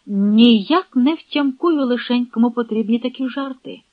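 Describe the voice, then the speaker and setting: A composed Cossack colonel speaks low and steady, weighing each word, as a reader voices him. There is little theatrics to it. The recording is dry and dull. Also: a little slow, no echo, natural voice. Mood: measured. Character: older Cossack colonel, calm and cautious. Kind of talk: audiobook reading with character voices.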